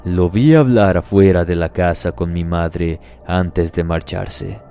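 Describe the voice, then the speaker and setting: A man reading a horror story aloud in a steady, measured first-person telling as the channel's narrator. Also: low voice, vocal fry, a little hiss or hum.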